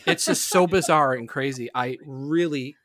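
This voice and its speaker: A man hosting a casual podcast who tells stories with a lot of swearing and energy. His voice sits at an ordinary pitch and sounds dry and close to the mic. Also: normal speed, no room sound. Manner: profane, animated storytelling. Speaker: podcast host. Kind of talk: casual chat.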